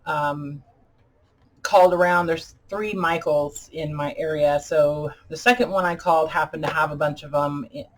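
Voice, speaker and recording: A woman chatting casually as a craft video host, halting and deliberate, her speech slightly impeded by dentures as if her mouth were full of peanut butter. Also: low-pitched. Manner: halting, deliberate, pausing often. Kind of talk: casual chat tutorial.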